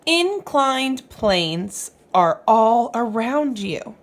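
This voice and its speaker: A woman reads aloud to young children the way a teacher would, explaining as she goes and asking the listener questions. Her voice is a little high, swings widely in pitch, and moves extremely slowly.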